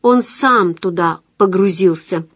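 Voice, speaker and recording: A woman's voice: lowish voice, takes it slowly, no echo. Woman reader doing a playful young student girl, jokey and self-mocking, dry close sound.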